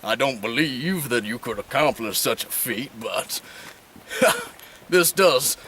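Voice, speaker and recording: An actor playing a greedy, pompous town mayor who talks in stiff formal phrases. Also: male voice, medium pitch, lively intonation, slow, pushed and bright, breathy edge, distant mic, exaggerated voice. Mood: smug.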